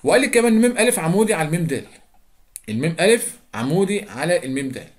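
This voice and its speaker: A man's voice: on the high side, expressive, very fast. A young man with an Egyptian Arabic accent teaching a geometry lesson, chatty, repeating steps and quizzing his students. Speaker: math teacher.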